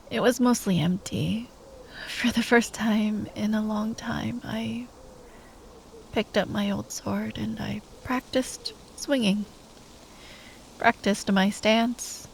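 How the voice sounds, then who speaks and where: In a fantasy ASMR roleplay, a woman portrays a proud, grieving royal knight, speaking softly and haltingly, often in a breathy whisper that is tender yet wry. Her voice sits on the high side. The recording is rough, with slight background noise.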